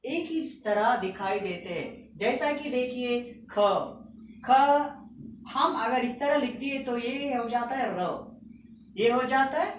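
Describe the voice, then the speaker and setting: A woman teaching a school lesson, patiently reciting letters one by one and explaining them slowly. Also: fairly high pitch. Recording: echoey room, distant mic, faint noise.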